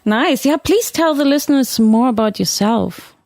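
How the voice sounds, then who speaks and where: A woman's voice: fairly high pitch, animated, normal speed, darkish tone, no echo, studio quality. A woman co-hosting a podcast in casual, upbeat chat. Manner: upbeat, laughs often. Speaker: podcast co-host.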